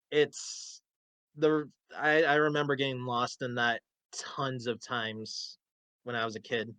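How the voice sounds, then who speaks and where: A man's voice: medium pitch, bright, forceful tone, no echo. Guy hosting a chill geek talk show, rambly, lots of uhs, dry close mic. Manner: rambling, explains game lore with many fillers. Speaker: host. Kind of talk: casual podcast chat.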